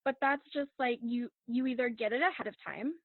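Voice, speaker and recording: A fairly high-voiced woman talks like a drama teacher, steady and instructive as she coaches young actors. Her voice comes through a tinny, phone-like line with no room sound at all. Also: no echo. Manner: instructive, encouraging, measured. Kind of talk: casual advice chat. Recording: tinny phone-like video call audio.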